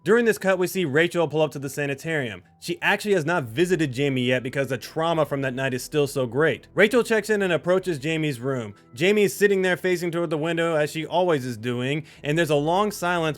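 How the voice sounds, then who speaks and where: A man's voice: a little high, brisk, hardly any pauses, faint music behind. A man narrating his own movie script in a casual, conversational way, with small restarts. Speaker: video creator.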